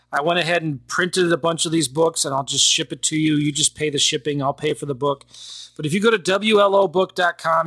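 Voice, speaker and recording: A man's voice: on the high side, a bit bright, breathy edge, no echo, studio quality. A man hosting a podcast, chatty and upbeat, often laughing as he talks. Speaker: podcast host. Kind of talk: casual podcast interview.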